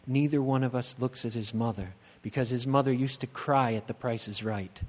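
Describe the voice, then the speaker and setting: A middle-aged man, a pastor, preaching a sermon in a church, slow and emphatic, building on repeated rhetorical questions. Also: mid-range voice, darkish tone. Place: church sanctuary. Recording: long church-hall reverb.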